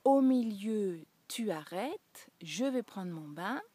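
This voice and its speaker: A woman voicing her tired little boy in a story, his pleading retold in a higher, louder voice. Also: expressive, slow, breathy edge. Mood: bargaining.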